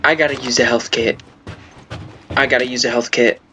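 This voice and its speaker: A man's voice: medium pitch, normal speed, faint music behind. A young man giving casual, jumpy gameplay commentary as host of his own video. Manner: jumpy, excitable, yelps when startled. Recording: game sound under the voice. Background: horror game ambience.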